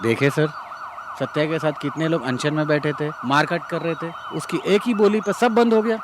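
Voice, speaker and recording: A man's voice: on the high side, normal speed, noisy background, natural voice. A man dubbing a loyal, respectful subordinate who reports to his boss. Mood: earnest. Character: loyal male subordinate who admires the hero.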